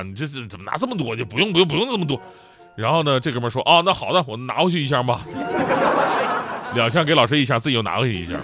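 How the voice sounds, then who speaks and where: A man's voice: on the high side, bright, forceful tone. A man performing a stand-up comedy monologue, telling stories with acted-out quotes and rhetorical questions. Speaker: talk show comedian.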